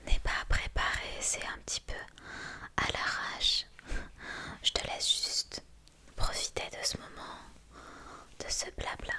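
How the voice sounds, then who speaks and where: A woman's voice: slow pace, long pauses, bright, forceful tone. Whispering young woman, intimate ASMR chat. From France. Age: young adult. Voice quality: breathy whisper. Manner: intimate, unscripted rambling addressed to one listener. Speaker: ASMR creator and vlogger.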